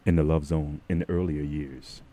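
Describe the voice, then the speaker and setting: Low male radio host, relaxed and conversational. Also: normal speed. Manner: laid-back, peppers talk with "man". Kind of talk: casual on-air chat.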